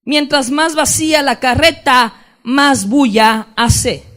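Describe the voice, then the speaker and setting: A man voicing a wise father who answers his son quietly and slowly in a sermon parable. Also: extremely high pitch, full character voice. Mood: gentle.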